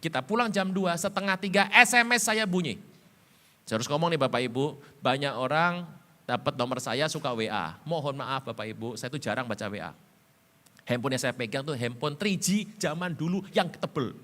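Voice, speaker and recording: A middle-aged male pastor telling stories in a sermon, animated, swinging between loud emphatic bursts and quiet low asides. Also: moderate pace. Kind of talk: storytelling sermon. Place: church sanctuary. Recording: church hall reverb.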